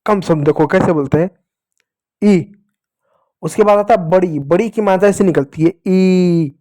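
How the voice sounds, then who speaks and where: This high-voiced man teaches small children to read Hindi, and his tone is warm. Playful throughout, he keeps calling them "pyare bachchon" and imitates cries so the kids learn the sounds.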